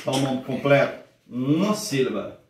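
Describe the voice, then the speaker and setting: A man teaching a grammar lesson. He speaks slowly, asks the class questions and stretches words out syllable by syllable. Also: mid-range voice, expressive, far from the mic, a little hiss or hum. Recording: echoey room, voice from off mic.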